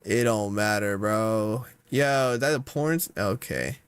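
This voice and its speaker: A young man giving casual reaction commentary, slangy and exasperated, with sudden loud outbursts. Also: on the low side, a little slow, smooth, no echo. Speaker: content creator.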